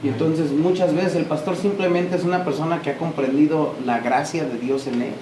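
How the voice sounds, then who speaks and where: A man giving an emphatic, animated church talk, speaking straight to his listeners. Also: a little high, brisk, a crowd in the background. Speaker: preacher. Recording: echoey church room with noise.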